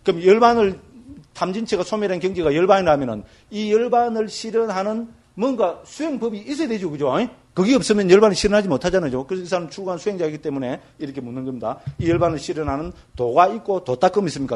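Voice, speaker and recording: Male Buddhist monk teacher, rapid lively storytelling, fond of tag questions. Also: sits high. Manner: lively storytelling, constantly asks listeners for agreement. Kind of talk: Buddhist scripture lecture.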